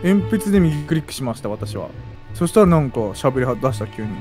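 A man's voice: medium pitch, big pitch swings, brisk, darkish tone, soft background music. A man bantering playfully while gaming, crying out when he is startled. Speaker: gaming video player. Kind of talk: casual bantering chat while playing a game.

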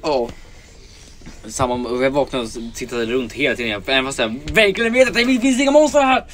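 A man's voice: medium pitch, animated, a bit bright. A man giving playful Let's Play commentary, narrating the character's thoughts in jokey asides. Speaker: game commentator.

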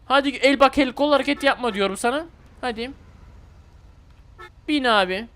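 High-pitched male gaming YouTuber, excitable and pleading in playful commentary. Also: normal speed.

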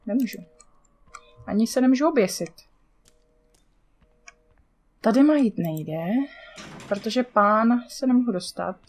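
A woman's voice: a little high, lively intonation, long pauses. Czech woman gamer, casual let's-play chatter, mutters and swears at the screen.

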